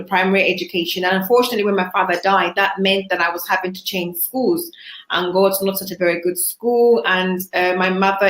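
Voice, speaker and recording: A woman's voice: medium pitch, fairly bright tone. Woman, guest on a video call, earnest and reflective, roomy echo. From Zambia. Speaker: interview guest. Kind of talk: online interview.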